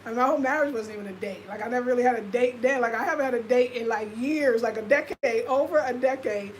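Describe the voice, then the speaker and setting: A lifestyle vlogger in her fifties with an American accent chats casually and confidingly to viewers on her livestream, her speech full of fillers. Her voice is a little high and her pace quick, with slight background noise.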